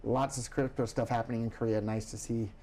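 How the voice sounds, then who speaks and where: A man hosting a casual news chat show who talks in an animated, opinionated way and slips into rants. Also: mid-range voice, brisk. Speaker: show host.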